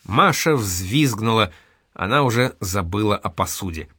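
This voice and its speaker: A man narrating an audiobook with expressive reading. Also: fairly low pitch, measured pace, slightly rough, dry recording, studio quality.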